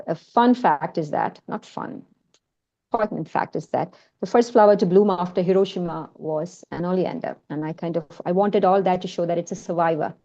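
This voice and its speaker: Presenting her film work in an informal online session, the woman, who speaks Malayalam and carries a mixed Indian and American accent, hesitates with many fillers and restarts. Her pitch is fairly low and her tone warm, while the recording has its highs cut off.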